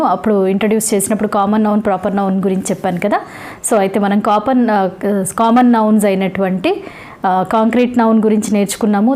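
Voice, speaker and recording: A woman with a Telugu accent teaching a spoken English class. She explains in a quick, chatty way, then reads out a vocabulary list at a steady pace. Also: medium pitch, low-quality recording. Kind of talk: vocabulary lesson, reading word lists.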